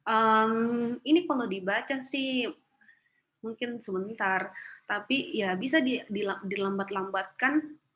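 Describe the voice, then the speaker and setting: A woman's voice: a little high, takes it slowly, pauses often, fairly bright tone, low-quality recording. Indonesian woman lecturer, casual and chatty. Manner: casual teaching talk with fillers, mixing English terms. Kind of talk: recorded online lecture.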